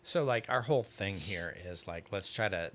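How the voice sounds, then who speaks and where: A man co-hosting a relaxed podcast conversation, telling stories and often quoting others. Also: deep voice, normal speed. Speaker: co-host. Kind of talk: casual conversation. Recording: faint background noise.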